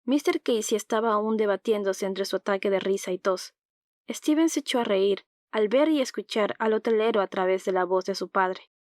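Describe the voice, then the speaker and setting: Woman, audiobook narrator, calm even reading, dry close sound. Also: medium pitch, normal speed, dry recording.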